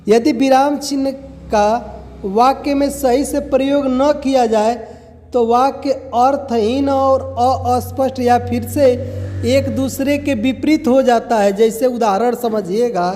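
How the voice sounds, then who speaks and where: A man's voice: very high voice, mellow. A man teaching a grammar lesson step by step, asking questions and then answering them himself. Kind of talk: exam-prep grammar lesson. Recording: long hall reverb.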